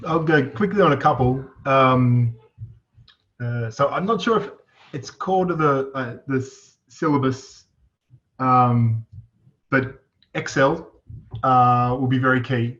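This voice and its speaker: A man's voice: mid-range voice, takes it slowly, a bit bright, highs cut off. Hesitant man on an industry panel. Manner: hesitant, self-deprecating, many restarts. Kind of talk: panel discussion.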